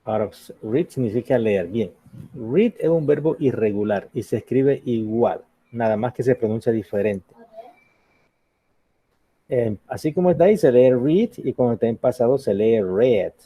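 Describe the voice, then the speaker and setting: A man's voice: mid-range voice, normal speed, slightly rough, no echo, highs cut off. A man teaching an English grammar lesson in Spanish, patiently asking the class questions and checking in with "ok?".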